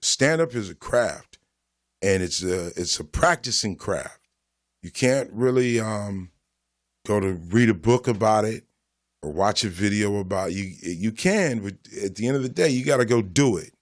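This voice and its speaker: A man's voice: on the low side, expressive, moderate pace. A man, a stand-up comedian guest, giving laid-back, profane advice in a casual chat.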